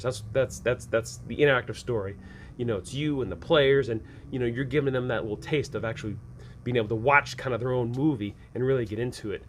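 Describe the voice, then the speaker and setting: A man gives informal, conversational advice to viewers on running tabletop games, stressing his points emphatically and often repeating them. His voice is medium-pitched, and there is slight background noise.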